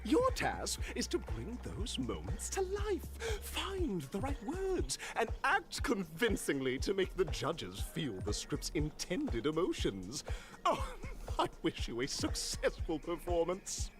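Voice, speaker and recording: A man's voice: sits high, huge pitch swings, slow, over music, full character voice. A man voicing a grandiose, gleeful game-show host who sounds like a villain, delivering a showy announcer monologue in a video game. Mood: showy, sly. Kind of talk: game character voice acting.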